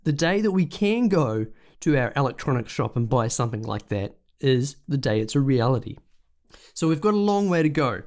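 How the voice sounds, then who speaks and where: A man hosting a solo podcast, chatty and jokey, slowing down to stress his points. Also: mid-range voice, very animated, a little mellow. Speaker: podcast host.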